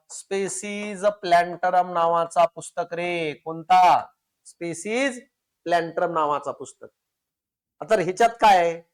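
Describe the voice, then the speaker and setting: In a fairly high voice, a science teacher preparing students for competitive exams gives a classroom lecture full of rhetorical questions. He slows down on each technical term, repeating it syllable by syllable, and keeps the mood light with casual, joking street examples.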